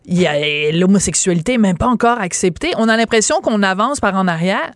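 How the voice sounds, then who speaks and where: A woman with a Québécois accent hosting a radio interview, asking probing questions in an animated way. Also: medium pitch, fairly quick, no echo, studio quality. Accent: Québécois French. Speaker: radio host.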